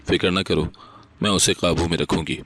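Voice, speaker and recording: A man's voice: sits low, steady tone, fairly bright tone, dry recording. A man reading the lines of a harsh, taunting mother-in-law in a storybook narration. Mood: scornful. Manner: taunting, contemptuous. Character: harsh scolding mother-in-law, older woman.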